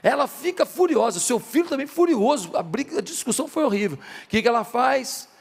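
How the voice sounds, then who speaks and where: High-voiced pastor preaching in a hall. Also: male voice, animated, a little fast, gravelly, breathy edge. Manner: acts out quoted dialogue in softer voices; asks the congregation rhetorical questions. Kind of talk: sermon.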